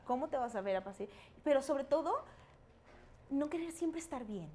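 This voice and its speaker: A middle-aged woman, talking reflectively as a guest expert, with pauses and fillers. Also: high-pitched, lively intonation, dark tone, a little hiss or hum. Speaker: guest expert on emotions and fear. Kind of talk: conversational explaining.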